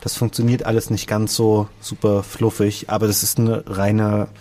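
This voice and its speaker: Low-voiced man in a casual discussion. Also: completely flat delivery, normal speed, warm tone. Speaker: discussion panellist. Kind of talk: casual chat.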